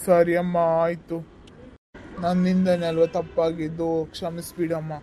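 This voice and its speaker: A mid-pitched cartoon driver, voiced by a performer, worn out from sleepless nights. He apologizes over and over, then grumbles under his breath about his own troubles. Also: completely flat delivery, measured pace, warm tone, a little hiss or hum, close to an everyday voice. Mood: apologetic. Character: sleepy, grumbling middle-aged male driver.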